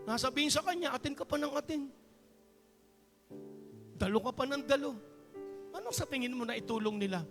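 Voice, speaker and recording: Man preaching in a church hall, high voice, long reverb, music playing under him, quiet talk rising to shouts. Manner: jokes with the congregation and calls for applause. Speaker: pastor. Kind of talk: sermon.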